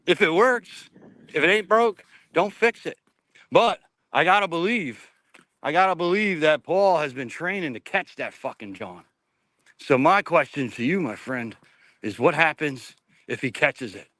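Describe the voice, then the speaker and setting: A man chatting casually about sports in a slangy, animated way. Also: on the high side, dry recording.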